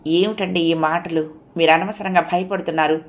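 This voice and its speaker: A woman voicing a caring wife who soothes her frightened husband, affectionate and reassuring, her voice higher than her narration. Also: steady tone, moderate pace, close to an everyday voice. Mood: soothing, concerned.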